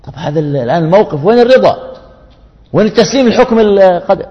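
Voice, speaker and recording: Preacher in a reverberant hall. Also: male voice, high-pitched, lively intonation, very fast, highs cut off. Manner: earnest, addresses the congregation with rhetorical questions and anecdotes. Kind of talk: sermon.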